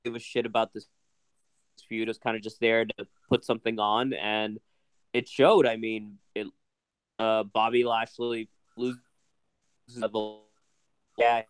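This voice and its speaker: A man chats casually on a remote call as his internet connection breaks up and drops out around his words. His phrases halt and trail off halfway. The voice itself is smooth and clear, and the sound is dry. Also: lowish voice, flat delivery, dry recording. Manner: halting, trailing off mid-sentence. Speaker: wrestling podcast co-host. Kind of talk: casual chat.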